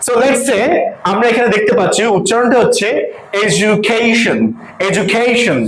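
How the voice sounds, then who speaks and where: A woman's voice: on the high side, fairly quick. A woman teaching English pronunciation to a class, quizzing the students and sounding out syllables one by one. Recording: echoey room with loud crowd noise.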